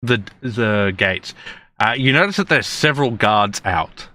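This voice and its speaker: A man running a tabletop game, his bright voice halting through fillers and restarts. He sits a little low in pitch and narrates what the players see. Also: animated. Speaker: game master.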